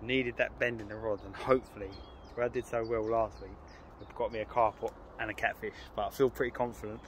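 A man, excitedly talking to camera in a casual fishing vlog by a lake. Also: on the low side, fairly quick, a little hiss or hum. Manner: excitable, slangy, chatty. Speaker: fishing vlogger. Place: lakeside outdoors. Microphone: phone camera, handheld or on a tripod.

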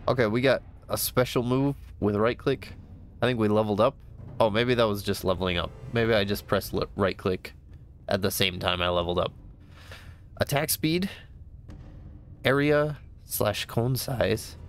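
This let's-play clip has a man with a lowish, congested voice talking at normal speed while trying out a new game. He muses aloud in a relaxed, casual manner, breaking into cheerful exclamations now and then, with the game's music in the background.

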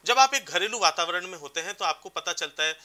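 A man's voice: high voice, lively intonation, a little fast, sharp tone. A man giving advice as a career counselor on a TV talk show, explaining with examples. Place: TV studio.

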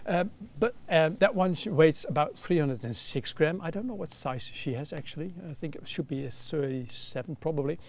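A man's voice: on the high side, normal speed, few pauses, darkish tone. A man in his thirties with a Dutch accent, explaining gear in detail with frequent fillers, recorded outdoors by a campfire. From Netherlands. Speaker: gear reviewer. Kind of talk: casual product review.

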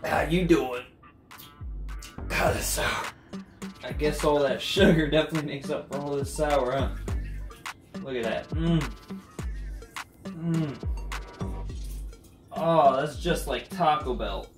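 A man's voice: a little high, slow, pauses often, faint music behind. Goofy young man in a roomy kitchen. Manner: goofy, jokey, shifts into loud mock-commanding shouts. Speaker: cooking video host. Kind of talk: comedic cooking vlog. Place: home kitchen, indoors.

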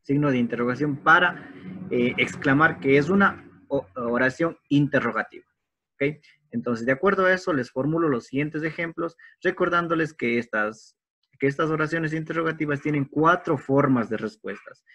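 A man's voice: on the high side, bright, forceful tone, dull audio. Patient male teacher on a video call. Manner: patient, explains step by step, slows down for English examples. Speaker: English teacher. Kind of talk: online class lecture.

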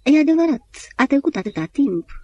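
A woman narrator voicing a sad young woman who speaks softly and urges him along. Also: sits high, big pitch swings, muffled recording, pitched above the performer's own voice. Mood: wistful. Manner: soft, pleading.

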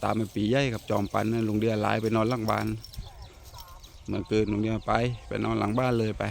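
A man's voice: lowish voice, level tone, fast talker, creaky, a little hiss or hum. A man vlogging at home, talking politely to his viewers and sharply scolding his disobedient dog. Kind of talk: casual vlog chat.

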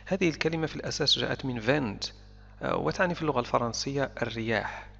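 Gravelly guy explaining english words bit by bit, long reverb, kinda muffled. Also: mid-range voice, fast, fairly bright tone. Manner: explains word by word with short repeats. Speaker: English teacher. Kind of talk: explanatory language lesson.

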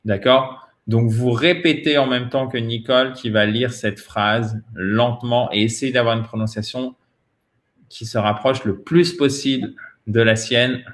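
Man, pronunciation teacher, very slow pace, repeats words over and over, says "ok?" a lot. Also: mid-range voice, steady tone, fairly bright tone. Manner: slow, repeats model words many times; often ends points with a checking "ok?". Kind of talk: French-language pronunciation lesson.

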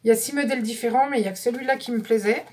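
A woman's voice: a little high, very fast, a little mellow, slightly rough. A woman vlogger chatting casually through a craft supply haul, describing each item one by one and correcting herself as she goes. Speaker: scrapbooking vlogger.

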